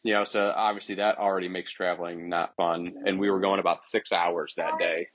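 Low husky-voiced man telling road stories. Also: a little fast, rough recording. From Ohio. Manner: relaxed, rambling with restarts and chuckles. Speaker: podcast guest. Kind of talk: casual storytelling.

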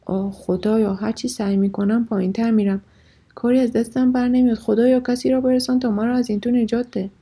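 A woman voicing a man trapped at the bottom of a well, pleading for help in a husky, raised voice. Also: a little high, fairly even intonation, warm tone. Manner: desperate, calling for help.

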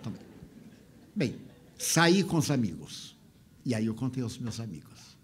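A man's voice: medium pitch, very animated, a little slow, husky. An older man giving a spiritual talk, telling a story with feeling and mimicking the voices and sounds of the people in it.

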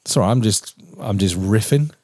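A man's voice: fairly low pitch, normal speed, a little mellow, slight background noise. A man in his forties with a southern English accent, co-hosting a casual podcast chat, rambling and swearing as he talks. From England. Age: 40s. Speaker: podcast co-host.

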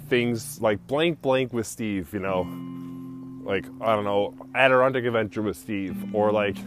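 Rambling young man telling stories on a walk. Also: medium pitch. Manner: rambling, full of "like" fillers, laughs often. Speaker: solo podcast host. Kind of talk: casual storytelling monologue. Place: outdoors, walking on a street. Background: guitar music.

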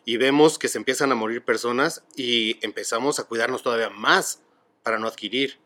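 A middle-aged man with a Mexican accent, a podcast guest who speaks calmly and reflectively about grief. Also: mid-range voice, brisk. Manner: calm, explanatory, philosophical. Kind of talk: reflective conversation.

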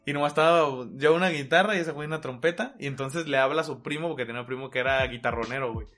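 A young man with a Mexican accent telling a story in casual chat with friends, slangy and animated, full of swearing. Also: medium pitch, racing. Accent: Mexican Spanish. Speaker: podcast host.

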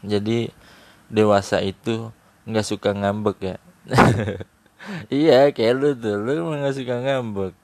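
A man's voice: on the low side, fairly even intonation, slow pace, pauses often, darkish tone, no room sound. A man in casual, teasing chat, laughing often as he jokes around. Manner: joking banter with frequent laughter; slangy and teasing.

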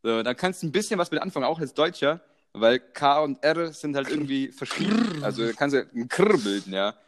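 A man's voice: fairly high pitch, animated, brisk, background noise. A young man co-hosting a podcast in casual chat, telling stories animatedly and laughing often. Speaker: podcast co-host.

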